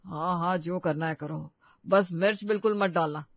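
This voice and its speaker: A woman's voice: on the low side, normal speed, dry recording, lightly acted. A woman doing a puzzled young husband. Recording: dull lo-fi dry recording.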